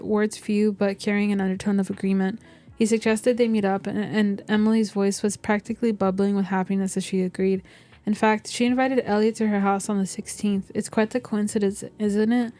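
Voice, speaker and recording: A woman reading as a wordy, mellow village shopkeeper. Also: mid-range voice, level tone, a little fast, lightly acted. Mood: formal, intrigued. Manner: wordy, formal. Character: chatty, formal, nosy male shopkeeper in a village. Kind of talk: reading game dialogue aloud.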